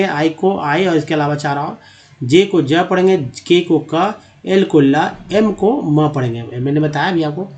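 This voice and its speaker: A man teaching how to pronounce English letters, repeating each sound slowly and calling the viewers his friends. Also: high-pitched.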